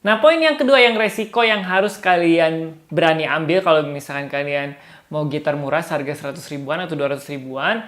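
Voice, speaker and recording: A man's voice: a little high, fairly quick, a bit bright. A man giving a casual spoken guitar lesson as a guitar tutor, chatty and chuckling often, referring to himself in the third person.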